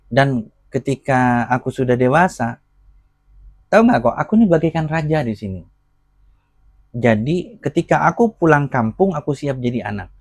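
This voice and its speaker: A middle-aged man, a preacher being interviewed, telling his life story in casual, reflective speech that often drops quieter. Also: medium pitch, animated, normal speed, pauses often, breathy edge, no room sound. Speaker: guest, convert preacher.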